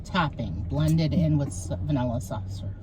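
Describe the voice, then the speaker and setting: A woman's voice: low-pitched, moderate pace, background noise. A woman guest tasting and chatting in a dry, teasing way. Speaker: guest taster. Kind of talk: casual chat.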